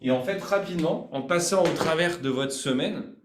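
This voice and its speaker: A man's voice: fairly high pitch, moderate pace, echoey room, background noise. A man hosting a live online sales training, chatty and informal, hesitating often with fillers.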